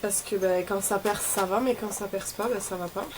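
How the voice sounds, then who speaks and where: A woman's voice: mid-range voice, fairly even intonation, moderate pace. A woman vlogger chatting casually and informally, thinking aloud as she goes. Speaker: beauty vlogger. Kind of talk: casual chat while opening advent calendars. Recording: clearly noisy, ambient background noise.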